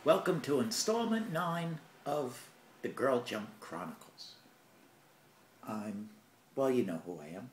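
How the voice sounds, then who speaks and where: A man's voice: mid-range voice, expressive, slow pace, slight background noise. A man vlogging casually, rambling with joking asides and talking while he eats. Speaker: vlogger and storytelling show host. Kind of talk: casual vlog. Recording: echoey room.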